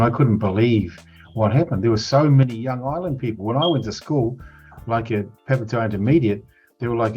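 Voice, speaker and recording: A man's voice: medium pitch, darkish tone. A man in his sixties with a New Zealand accent, reminiscing in a rambling, matter-of-fact way as an interview guest. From South Auckland, New Zealand. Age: 60s. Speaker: guest, lawyer and community advocate. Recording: muffled, dull sound with music behind.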